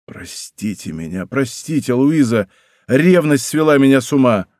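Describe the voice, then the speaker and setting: A man voicing a young king who is jealous and desperate, speaking with impassioned, loud outbursts in an audiobook. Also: medium pitch, expressive, unhurried, no echo, studio quality, natural voice. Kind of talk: audiobook character voice.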